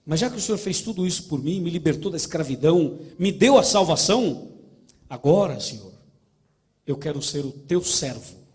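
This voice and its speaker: A humble believer in a sermon's illustration, as a preacher puts him on, pleading and devoted. The voice climbs high in wonder and then drops low in humility. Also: male voice, lively intonation, normal speed, darkish tone, lightly acted. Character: grateful believer speaking to Jesus.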